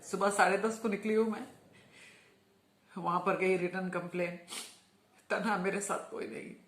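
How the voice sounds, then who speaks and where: A woman speaks in an impassioned appeal, driving her points home by repeating words. Her voice sits at a middle pitch. The recording carries a roomy echo. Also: steady tone, moderate pace. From Hyderabad, India. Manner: fervent, emphatic, repeats words for emphasis. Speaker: religious speaker.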